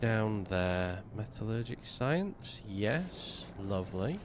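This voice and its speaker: With a fairly low, sing-song voice and a bit of background noise, a man streams a game and talks through his building plans. He's snuffly from a slight cold and slowly mutters to himself as he builds, keeping it casual gameplay commentary.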